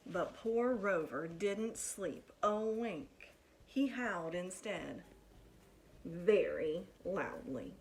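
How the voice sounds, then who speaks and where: Slow-paced woman reading to children. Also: fairly low pitch, lively intonation, a little hiss or hum, rough recording. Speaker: teacher reading a picture book aloud to pupils. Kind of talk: expressive children's read-aloud.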